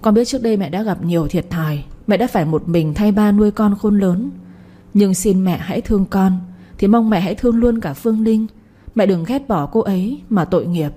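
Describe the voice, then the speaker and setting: A woman's voice: medium pitch, brisk, close to an everyday voice. A woman voicing a pleading devoted son. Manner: pleading, soft-spoken.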